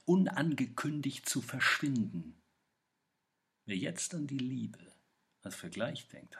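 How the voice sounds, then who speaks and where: A man giving a literary poetry reading in a slow, measured recitation with pauses. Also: mid-range voice, creaky, fairly bright tone, husky. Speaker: reader.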